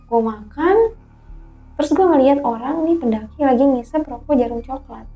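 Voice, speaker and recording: There's faint music behind a high-pitched woman with vocal fry who, as a guest, relives a spooky hike she went on. She narrates casually and with animation, repeatedly acting out what people said in fast dialogue.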